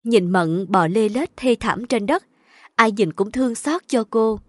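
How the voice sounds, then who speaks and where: A woman narrating a dramatic story in a steady storytelling voice. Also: fairly high pitch, unhurried, no room sound, clean studio sound.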